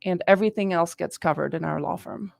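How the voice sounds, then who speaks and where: A middle-aged woman from Austria, a guest giving earnest, measured answers in a radio interview in the studio. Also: lowish voice, vocal fry, a little mellow, no echo. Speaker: guest, district attorney candidate.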